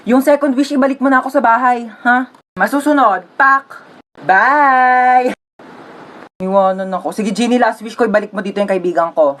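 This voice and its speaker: Woman doing funny skits, kinda high voice, swaps characters fast. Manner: switches quickly between playful characters. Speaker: comedy sketch creator playing many parts. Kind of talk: comedic skits.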